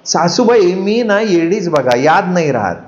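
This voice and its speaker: A man putting on a bubbly young bride from a village, her voice lifted high and bright with eagerness. She chatters in a girlish, innocent way. The storybook reading sounds roomy and a little dull. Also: expressive, a little slow. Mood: eager. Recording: roomy, slightly dull recording.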